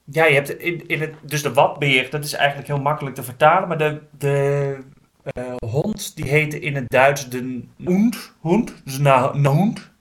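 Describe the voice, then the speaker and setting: A man, a translator and parent, explaining his work in a relaxed interview, thinking aloud with restarts. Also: a little high, unhurried. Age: adult parent. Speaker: book translator. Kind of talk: casual interview talk.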